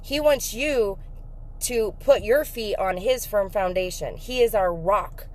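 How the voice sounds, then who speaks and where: A woman telling an emotional faith story in a casual vlog, emphatic and excitable, breaking into laughter. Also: mid-range voice, slow. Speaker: faith vlogger.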